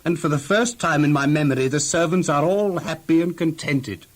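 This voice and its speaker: Here the same sort of role, a wealthy and effusive ancient household master in a kids' audio Bible drama, is voiced by a man whose natural voice sits a little high. He talks expansively, with emphatic, halting repetitions, in a probing, approving mood.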